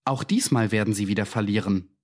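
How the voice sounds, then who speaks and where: A man voicing a calm, uncanny visitor. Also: medium pitch. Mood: cool. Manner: calm, measured, coolly accusing. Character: calm uncanny male visitor, judging and foretelling.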